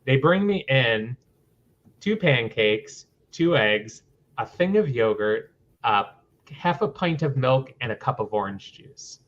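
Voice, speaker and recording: A middle-aged man telling his story as a guest on a livestream interview, animated and acting out the people in it. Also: medium pitch, slow pace, muffled recording.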